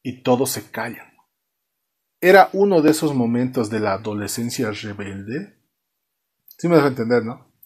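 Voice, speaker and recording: A young man from Bolivia casually retelling a cartoon episode, animated and laughing as he acts out the characters. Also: mid-range voice, breathy edge. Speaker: host reviewing a cartoon series.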